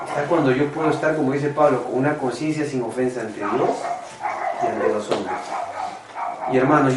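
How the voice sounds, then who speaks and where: In a church meeting room, a man with a medium-pitched voice preaches a sermon of personal testimony, earnest and confessional, often addressing his listeners as brothers. The sound is roomy and very noisy, recorded from a distant mic.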